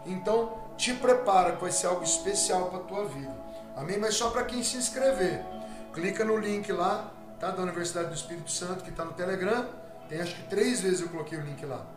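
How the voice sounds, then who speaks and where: A Brazilian man preaching a recorded spiritual warfare lesson with a Brazilian Portuguese accent, exhorting listeners and checking in with "amen?" often. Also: high-pitched. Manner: exhortative, keeps asking "amém?" and "tá?" of listeners. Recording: echoey room with music behind.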